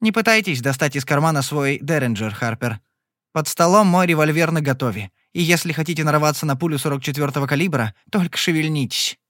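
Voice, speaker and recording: A man voicing a charming young gambler in an audiobook, smooth and mocking. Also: a little high, lively intonation, a little fast, a bit bright, no echo, clean studio sound. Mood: cool. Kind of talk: audiobook character voice.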